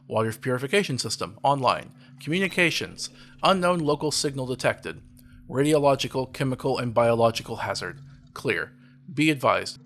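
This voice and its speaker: A man voicing a shelter computer terminal as it boots up, reading status lines in a flat, machine-like way. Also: mid-range voice. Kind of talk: video game terminal voice.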